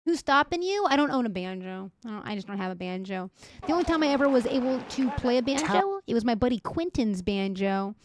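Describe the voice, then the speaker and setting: A woman's voice: fairly high pitch, sing-song, brisk, noisy background. A woman streamer chatting casually with her live chat while reacting to news clips. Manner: chatty, talks to chat directly.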